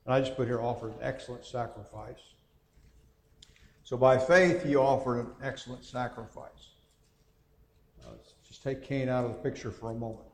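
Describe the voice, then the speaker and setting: A man in a large church hall teaches scripture in an easy, conversational way, pausing with "uh" and correcting himself as he thinks aloud. His mid-range voice carries a long, roomy echo. He reads verses aloud with added emphasis. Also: medium pitch. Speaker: preacher teaching a Bible class. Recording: echoey hall with long reverb.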